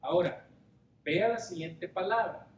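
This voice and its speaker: A man preaching a Bible study sermon, questioning the congregation and explaining Greek words. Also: unhurried. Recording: roomy hall with faint rumble.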